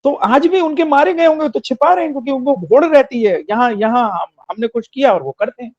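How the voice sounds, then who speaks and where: A man's voice: extremely high pitch, brisk, darkish tone, dry recording. A man giving impassioned political commentary, rhetorical and emphatic, repeating phrases for effect, on a dry, slightly dull recording.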